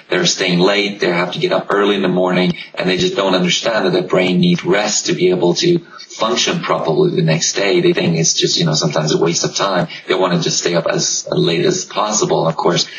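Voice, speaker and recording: A man working as a pediatrician, explaining things in an interview with frequent "uh"s. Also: low-pitched. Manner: explanatory, many filler "uh"s. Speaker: pediatrician guest. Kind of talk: interview answers. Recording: echoey, distant mic with noise.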